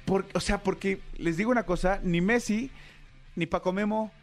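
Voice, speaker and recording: A man's voice: high voice, normal speed, faint music behind. A young Mexican man with a Mexican accent, co-hosting a casual radio chat with rambling, joking commentary. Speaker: co-host.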